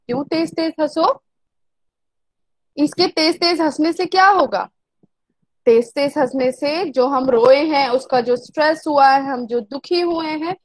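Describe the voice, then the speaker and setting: A woman's voice: high voice, slow, dry recording, rough recording. A woman teacher explains a poem, repeating herself and asking and answering her own questions. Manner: mixes Hindi with English lines.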